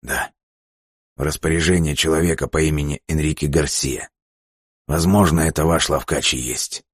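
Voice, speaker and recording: A male audiobook narrator voicing a broken prisoner who speaks in a quiet, bitter way. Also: a bass voice, steady tone, normal speed, no echo, clean studio sound. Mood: subdued.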